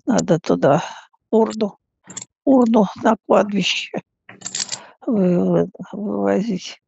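A frail woman in her eighties chatting casually on a phone call like a great-grandmother, halting and often repeating and stammering over words. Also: medium pitch, creaky, dark tone, a little hiss or hum. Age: 80s. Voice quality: frail, elderly voice. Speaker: great-grandmother talking with younger relative. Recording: dull, muffled phone call recording.

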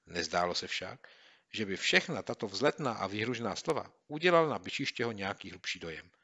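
A man reading a children's book aloud as a narrator, with steady storytelling delivery. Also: on the low side. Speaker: audiobook narrator. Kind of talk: scripted narration.

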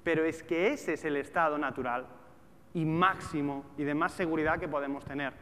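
A trader and trading educator, a man in his thirties with a European Spanish accent, talks informally to a seated audience from a large auditorium stage, peppering his colloquial speech with rhetorical questions. His voice is a little high and a bit bright, with fairly even intonation at a normal speed. The hall is echoey and has background noise.

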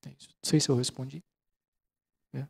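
With a mid-range voice that's gravelly and slightly rough, a middle-aged Brazilian mindfulness lecturer talks a little fast into a handheld microphone in a large auditorium. His Brazilian Portuguese delivery is calm and explanatory, packed with "né" fillers, and he often checks in with the audience during this relaxed lecture with questions.

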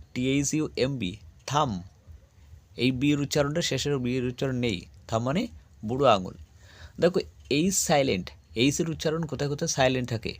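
A man's voice: medium pitch, dry recording. A man teaching a spoken English lesson, spelling words out letter by letter and explaining each one patiently.

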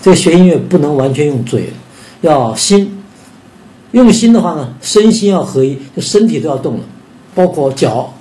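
An older man gives a rhythm lesson in a fairly high voice. He explains downbeats and upbeats, then sings out counting syllables to show each pattern. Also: sing-song, moderate pace, mellow. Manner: demonstrates beats by singing syllables and counting aloud. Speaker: music teacher.

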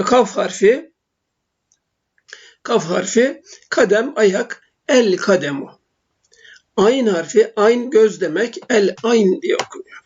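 Halting male Arabic teacher, lo-fi. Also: high voice, breathy edge. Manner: slow, halting, frequent filler sounds while explaining. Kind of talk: recorded language lesson. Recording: dull lo-fi recording.

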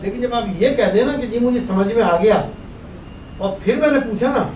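His voice is very high-pitched yet somewhat dark in tone, delivered at normal speed: an older professor with a Pakistani Urdu accent lecturing on boiler chemistry. Masked, he writes on the whiteboard while questioning the class and answering himself. A far-away room mic records the noisy echo of the brick-walled meeting room.

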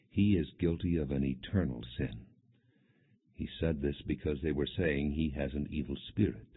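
A man with a very low, husky voice reads scripture for an audiobook, a scripted, non-dramatized narration. His delivery is measured and solemn, and the recording sounds muffled and low in fidelity.

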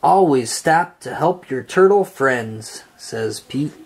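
A medium-pitched storybook reader reads a children's picture book with expressive, sing-song delivery and long, drawn-out phrases. There's a little hiss or hum in the audio.

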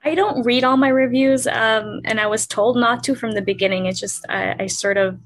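A young adult woman from Canada, a guest on a podcast interview who talks in a friendly way, laughs often and pauses to think. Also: on the high side, faint music behind. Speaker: author guest.

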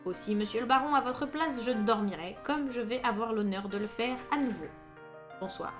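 A woman's voice: a little high, over music, natural voice. Woman playing a wry, unflappable police inspector. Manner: calm, wry, unhurried. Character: unflappable, dry-witted male police inspector.

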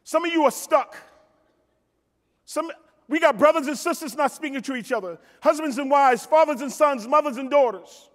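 This motivational keynote comes from a middle-aged American man speaking at normal speed in an extremely high-pitched voice. He tells emphatic stories, repeats lines for effect and talks straight to his audience. The sound is the reverberant PA of a large convention hall stage.

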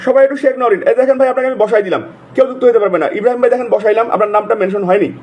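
A man's voice: very high-pitched, racing, a little mellow. A man with a sore throat, hosting a live stream, calling out viewers' names over and over and urging them to join and comment. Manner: repetitive, urgent calling out of names. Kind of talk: live stream shout-outs.

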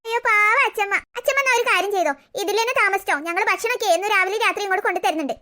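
A woman's voice: very high-pitched, racing, sharp tone. A woman voicing a cheeky little girl in a cartoon who mocks her grandmother. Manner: teasing, mocking.

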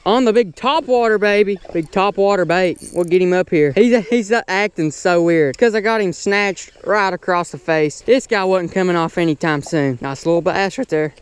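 A young man talking casually and excitedly while fishing outdoors at a pond, often exclaiming. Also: sits high, moderate pace, hardly any pauses, clean tone, no room sound. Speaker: fishing vlogger. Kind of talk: casual outdoor vlog commentary.

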